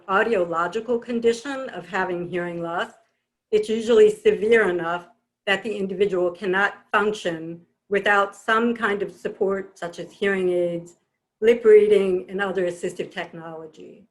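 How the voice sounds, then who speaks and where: A woman's voice: medium pitch, moderate pace, rough recording. Female presenter, mid-range voice, explaining definitions as part of a talk.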